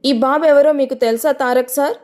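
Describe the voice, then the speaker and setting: A woman's voice: high-pitched, fairly even intonation, brisk, darkish tone, voice pushed up, lightly acted. A woman doing a bitter, defiant young mother. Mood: bitter, accusing.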